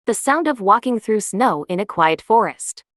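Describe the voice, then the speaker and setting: Calm woman narrating a winter hike. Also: medium pitch, moderate pace, no echo, studio quality. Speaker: travel vlogger. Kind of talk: scripted travel narration.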